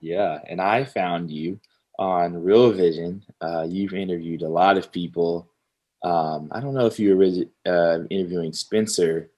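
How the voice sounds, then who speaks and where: A man's voice: deep voice, unhurried, a little mellow. A man hosting a casual crypto interview podcast, upbeat and full of slang. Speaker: podcast host. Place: Houston.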